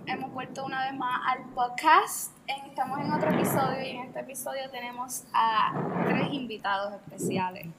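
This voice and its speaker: A woman's voice: high-pitched, steady tone, normal speed, heavy background noise. A woman with a Puerto Rican accent hosting a casual group podcast, informal and teasing as she steers the conversation. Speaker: podcast host.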